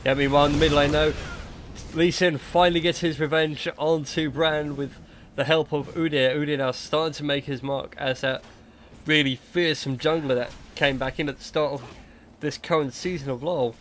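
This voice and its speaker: A man doing chatty play-by-play commentary on a video game match, quick and joking. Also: on the high side, fairly even intonation, a bit bright, slight background noise. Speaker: game caster.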